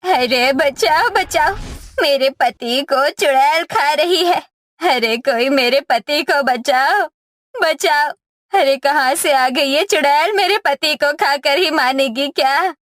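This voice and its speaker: A shrill scolding mother-in-law. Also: slow pace, fairly bright tone, no echo, clean studio sound. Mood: panicked. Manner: shrill, mocking insults. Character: scolding middle-aged mother-in-law, sharp-tongued. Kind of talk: cartoon story voice acting.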